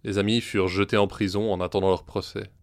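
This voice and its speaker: A man narrating folk tales in a measured storytelling manner, sometimes slipping into his characters' voices. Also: on the low side, level tone.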